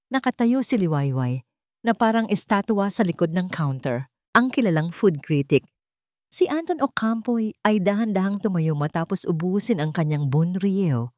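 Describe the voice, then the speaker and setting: A woman narrates a scripted dramatic story in a voice a bit low for a woman and slightly mellow. The sound is dry, with almost no room tone and no echo.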